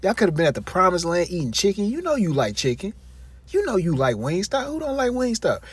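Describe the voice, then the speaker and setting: Guy with a high husky voice going off on a rant at someone, keeps saying bro, dry sound. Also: huge pitch swings, fairly quick, no room sound. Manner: talks straight at his subject, calling him bro; exasperated, rambling and repetitive. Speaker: vlogger commentator. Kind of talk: casual commentary rant.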